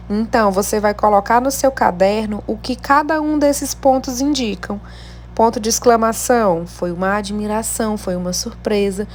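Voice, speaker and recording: A woman teacher, giving a remote lesson to young pupils in a slow, clear, encouraging way. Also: mid-range voice, a little hiss or hum. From Brazil. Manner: slow, clear, encouraging teacher delivery addressing children at home. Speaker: primary school teacher. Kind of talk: remote class lesson reading a textbook.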